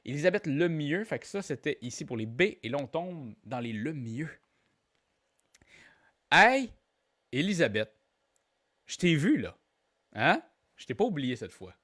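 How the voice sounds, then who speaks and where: A man's voice: mid-range voice, very animated, moderate pace. A man with a Québécois accent hosting a live online trivia game, playful and joking, repeating each question aloud and calling out players. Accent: Québécois French. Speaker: trivia quiz host.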